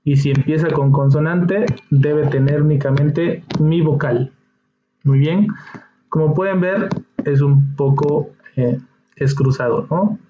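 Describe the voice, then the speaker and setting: With a voice on the high side, a man delivers a slow, patient English lesson, checking in with his students at every step. Background noise accompanies the dull, echoey room recording.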